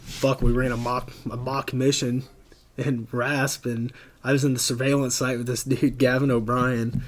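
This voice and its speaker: A man's voice: mid-range voice, level tone, normal speed. A man in his thirties, a podcast guest telling army stories in a blunt, profane, casual way. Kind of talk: casual storytelling.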